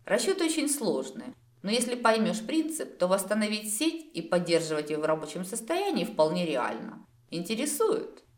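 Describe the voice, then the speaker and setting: A woman voicing a calm, scheming male demiurge who coaxes and placates in a storybook. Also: medium pitch, moderate pace, hardly any pauses, roomy sound, pitched above the performer's own voice, close to an everyday voice. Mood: proud.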